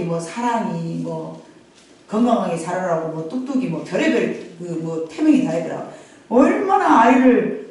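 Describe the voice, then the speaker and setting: A middle-aged woman pastor telling a Bible story in a lively, conversational sermon, repeating phrases and addressing the congregation directly. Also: mid-range voice. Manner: animated, repetitive, conversational asides to the congregation. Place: church sanctuary. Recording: very echoey sanctuary, from far off.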